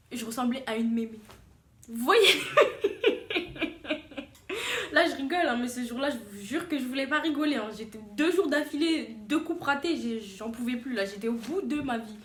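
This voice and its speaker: A young woman tells a personal story to her viewers, animated and emphatic, often repeating a phrase several times. Her voice sits a little high. The sound is roomy, with clear echo. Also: slight background noise. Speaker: vlogger. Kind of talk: storytime vlog.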